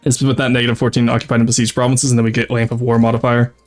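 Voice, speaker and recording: A man's voice: mid-range voice, completely flat delivery, very fast, faint music behind. A man streaming a strategy game with casual live commentary, thinking aloud and talking to his chat. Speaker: streamer, VTuber.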